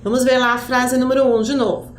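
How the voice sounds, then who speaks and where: A woman's voice: sits high, little pitch movement, brisk. A woman with a Brazilian accent from Curitiba, a primary school teacher giving a video lesson for children, patient and didactic, speaking straight to the pupil with fond diminutives. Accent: Brazilian Portuguese, Curitiba. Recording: echoey room with faint background noise.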